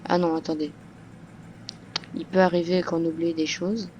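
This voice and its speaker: A woman's voice: on the low side, little pitch movement, normal speed, a little mellow, muffled recording, a little hiss or hum. A woman talking through a game tutorial in a casual voice-over, hesitant, with many fillers and restarts. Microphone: computer microphone.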